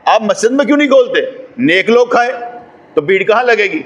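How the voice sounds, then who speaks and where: Man, Pakistani Urdu accent, religious scholar, sermon, somewhat high voice, emphatic, rhetorical questions. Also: animated, a little fast, lo-fi sound. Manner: preachy, rises to emphatic peaks, asks the listeners rhetorical questions. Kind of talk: sermon lecture.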